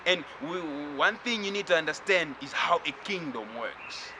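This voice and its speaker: A man from Zimbabwe giving a spiritual lecture, talking slowly and reflectively and addressing the listener directly. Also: fairly high pitch, expressive, background noise.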